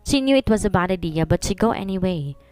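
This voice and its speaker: A woman reading a serialized romance story aloud, in a steady narrating manner. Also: on the low side, brisk, dry recording, soft background music. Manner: steady, mixing two languages.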